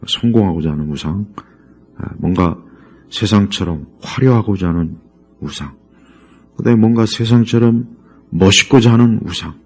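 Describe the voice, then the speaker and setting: A middle-aged male pastor preaching a sermon, repeating key words emphatically and swinging between loud rises and quiet drops. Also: deep voice. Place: church.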